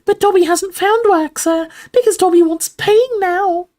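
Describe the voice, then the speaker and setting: A woman voices an eager, servile little male house elf from a storybook, squeaky and shrill, using broken grammar and calling himself by name in the third person. She speaks at a measured pace with a warm tone, sounding cheerful and polite.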